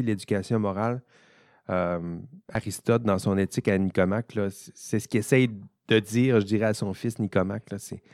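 A man's voice: lowish voice, darkish tone, no room sound, studio quality. A man, an ethics professor giving an informal recorded lecture, thinking aloud and speaking directly to his students.

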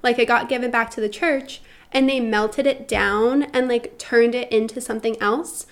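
Talkative woman guest on a podcast, a bit high voice, tells stories loosely. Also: fairly even intonation, moderate pace. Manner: chatty storytelling, swearing. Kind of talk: casual chat.

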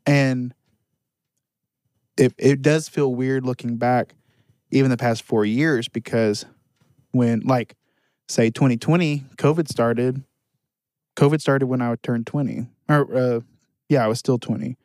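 A man's voice: mid-range voice, steady tone, unhurried, pauses often, a little mellow, no room sound. Reflective young man, dry close sound. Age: 20s. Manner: hesitant, reflective, many fillers. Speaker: podcast co-host. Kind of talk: casual chat.

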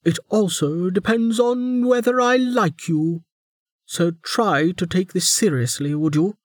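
Man doing ancient female warden, sardonic, raised pitch, slow mocking drawl, dry close audio. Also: dry recording. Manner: drawling, mocking, with slowed emphatic words. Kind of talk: audiobook character voice.

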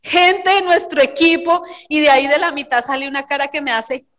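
A woman telling a story on stage as a motivational speaker, animated and laughing as she acts out what people said. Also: high-pitched, moderate pace.

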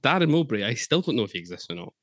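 A man hosting a casual football podcast, chatty and quick to swear, laughing between points. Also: mid-range voice, big pitch swings, fairly bright tone, no echo. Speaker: podcast host.

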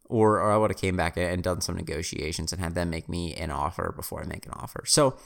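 Young man, low voice, resonant tone, casual rambling chat, self-mocking. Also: steady tone, quick pace, vocal fry. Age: 20s. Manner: rambling, restarts and self-corrections; wry, self-mocking humor. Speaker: reseller vlogger. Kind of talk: casual storytelling monologue.

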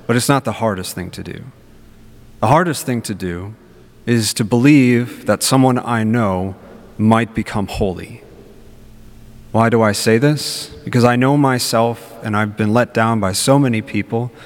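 Man preaching in echoing cathedral-like hall. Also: medium pitch. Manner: reflective, informal, rhetorical questions. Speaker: priest giving a homily. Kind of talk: Gospel reading and conversational sermon. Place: large reverberant church. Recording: long cathedral-like echo, reverberant hall.

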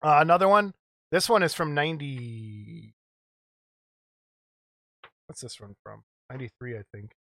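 A man's voice: on the high side, very animated, slow, creaky, pauses often, pushed and bright, no echo, clean studio sound. A middle-aged man co-hosting a casual show-and-tell about model kits, rambling and chuckling as he goes. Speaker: co-host of a model kit show.

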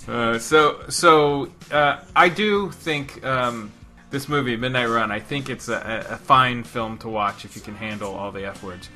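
Casting: male podcast co-host, bright forceful voice, halting and rambling, faint music. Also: mid-range voice. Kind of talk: casual movie discussion.

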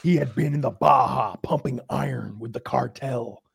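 Animated man telling stories, dry sound. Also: medium pitch, moderate pace, gravelly, breathy edge, no echo. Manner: animated storyteller, acts out grunts. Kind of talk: casual chat.

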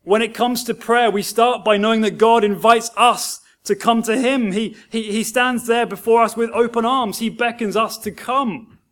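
A male pastor giving a sermon. His voice sits high for a man, and he works through his points by telling stories with earnest conviction. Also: steady tone, moderate pace, fairly bright tone. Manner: earnest storytelling preacher.

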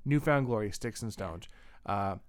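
A man co-hosting a casual chat, excitable and joking, swearing freely. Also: on the low side, normal speed. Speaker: podcast co-host.

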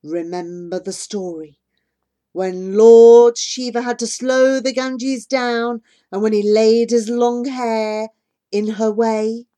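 A woman voicing an old female fortune-teller in a storybook, with a crackly, low, rumbling voice and slow, solemn delivery. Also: steady tone, mellow. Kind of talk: audiobook character voice.

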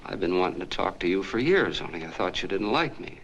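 A folksy old-movie soda jerk, deep voice, rambling on and on, bit of hiss. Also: male voice, very animated, fairly quick, creaky, a bit bright, lo-fi sound, heavily acted. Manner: folksy, rambling, chatty storytelling. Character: earnest small-town soda jerk, middle-aged man. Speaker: soda fountain clerk telling a story. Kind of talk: 1940s film acting.

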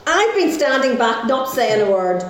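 A woman's voice: fairly high pitch, big pitch swings, normal speed. A woman playing a bossy, man-hating ringleader in a stage farce, righteous and declamatory. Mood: righteous, defiant. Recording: very echoey stage, faint noise.

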